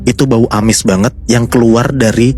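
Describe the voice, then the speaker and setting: A man's voice: mid-range voice, fairly even intonation, normal speed. A man casually telling a horror story to his co-hosts, chatty and building suspense. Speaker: storyteller host.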